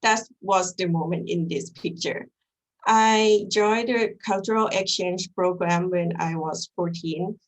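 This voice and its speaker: A young Thai woman, a native Thai speaker with a Thai accent, gives an earnest academic presentation as a graduate student over a video call. Her lowish voice comes through a low-quality recording, and her delivery is measured, earnest, and slightly halting.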